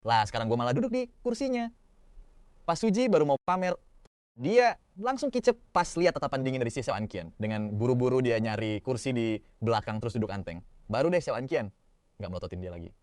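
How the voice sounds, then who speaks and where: A young man tells a comic story in first person, slangy and expressive, as if thinking out loud. His voice is mid-pitched and recorded dry and close, with no room sound. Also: a little fast, dry recording. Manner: slangy Jakarta-style casual talk, expressive inner monologue. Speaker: manhwa recap narrator.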